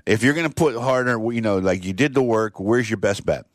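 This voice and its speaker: A man's voice: lowish voice, a little fast, dry recording. An older man hosting a horse racing talk show, chatting in a rambling, casual way.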